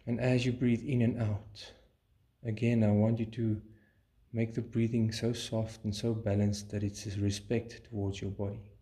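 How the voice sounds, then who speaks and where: A man leading a guided meditation in a calm, soothing, measured way, pausing between short phrases. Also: on the low side.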